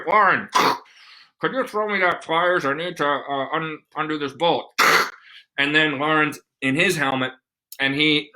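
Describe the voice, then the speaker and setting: A middle-aged man talks science to a young audience, full of enthusiasm. He acts out small scenes to make a point. His voice is bright and forceful. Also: mid-range voice. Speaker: host. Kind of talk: explaining science to kids on a live stream.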